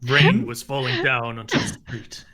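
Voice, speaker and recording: A player voicing a hard-boiled detective, narrating in slow, dramatic noir style. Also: medium pitch, fairly even intonation, pushed and bright, natural voice. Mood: brooding.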